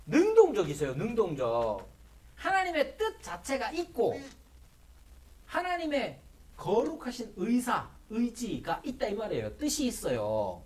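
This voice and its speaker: A man, a pastor, teaching a Bible study class in a church classroom, asking rhetorical questions and acting out playful mock prayers. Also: very high-pitched.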